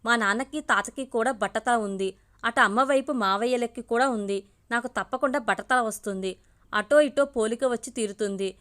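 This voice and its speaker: A woman's voice: a little high, normal speed, a bit bright, lightly acted. A woman reading as a weepy young man. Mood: despairing. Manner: weepy, pleading. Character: young unmarried man distraught over hair loss.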